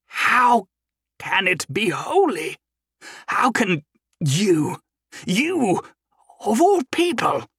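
A man's voice: high-pitched, very animated, extremely slow, pauses often, fairly bright tone, husky, no echo, clean studio sound, voice pushed up, exaggerated voice. A man voicing a manic male priest of purity who screams wildly, in a storybook reading. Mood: shocked.

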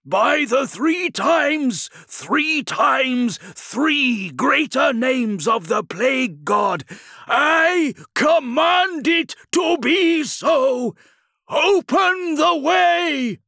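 A man's voice: extremely high pitch, expressive, very slow, vocal fry, a bit bright, no room sound, studio quality, voice pushed up, heavily acted. A man voicing a fanatical male plague-cult sorcerer who intones prayers in a warbling, ecstatic voice. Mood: commanding.

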